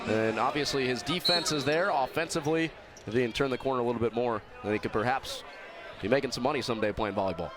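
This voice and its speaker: Speaking fast in a mid-range voice, this American colour commentator analyses a volleyball match live, leaning on key words as he explains each play. A crowd can be heard behind him in the indoor arena, along with clear gym noise and balls bouncing.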